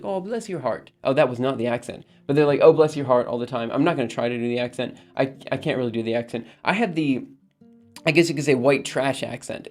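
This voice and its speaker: A mid-range, darkish male voice belongs to an Alabama livestream host chatting casually with his viewers. He rambles, reads comments aloud before answering, and frequently drops in ums and laughs.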